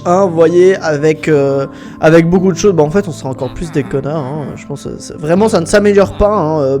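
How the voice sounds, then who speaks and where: High-voiced jokey gamer guy. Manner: energetic, jokey, swears a lot; mock English phrases with a French accent. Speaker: gaming YouTuber. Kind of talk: casual gameplay commentary. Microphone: desk microphone.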